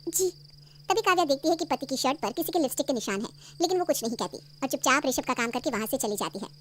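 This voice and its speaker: A woman narrating a cartoon family story in a calm, even storytelling manner. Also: high voice, very fast, slight background noise.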